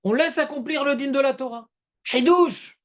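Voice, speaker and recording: A man's voice: very high voice, fairly even intonation, fairly quick. A man teaching a Talmud class, talking emphatically and repeating his points as he explains. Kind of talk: lively Talmud class discussion.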